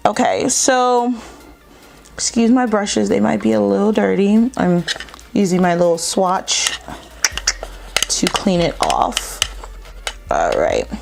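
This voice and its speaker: A young beauty vlogger with a slight lisp rambles chattily through a makeup tutorial, using plenty of fillers. Her medium-pitched voice is creaky and darkish.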